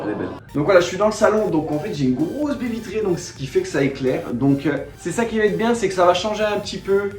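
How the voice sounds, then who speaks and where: Young male YouTuber, slightly high voice, loose slangy delivery full of fillers, roomy home sound with faint music. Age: young adult. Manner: slangy, rambling, self-mocking, many fillers. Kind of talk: casual vlog storytelling. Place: his living room at home.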